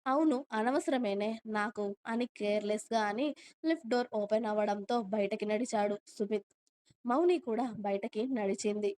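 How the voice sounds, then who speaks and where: A woman narrating an audio romance story in a steady storytelling manner. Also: mid-range voice, normal speed.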